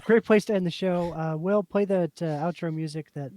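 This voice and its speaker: A man's voice: sits high, steady tone, normal speed, darkish tone. A man hosting a podcast, easygoing and a bit hesitant as he steers the chat. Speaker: podcast host. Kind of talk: casual chat.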